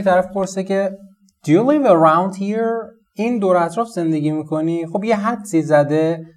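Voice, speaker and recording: A man with a Persian accent gives a relaxed, chatty English lesson. His voice sits a little high yet sounds dark and mellow. He walks through everyday examples and slows down to repeat English phrases. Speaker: English teacher. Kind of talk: casual spoken lesson.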